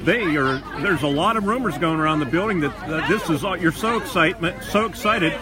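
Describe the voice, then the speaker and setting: A man interviewing and commentating live at an outdoor event in a halting, conversational way. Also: fairly high pitch, animated, music in the background. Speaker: radio reporter and interviewer. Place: outdoors by a river at a charity event. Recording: outdoor live stream with crowd noise.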